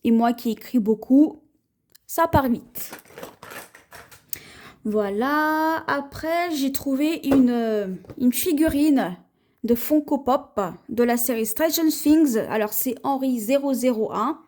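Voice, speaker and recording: A woman with a French accent, chatting slowly through a haul video at home, showing her purchases with many pauses and fillers. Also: high voice, a little mellow. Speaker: haul vlogger. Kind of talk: casual haul video, showing items to camera.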